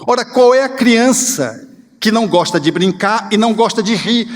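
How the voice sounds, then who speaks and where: Animated man lecturing in a hall. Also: sits high, normal speed. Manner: animated, expressive, acts out little scenes. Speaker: spiritist lecturer. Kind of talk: spiritual lecture. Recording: reverberant hall.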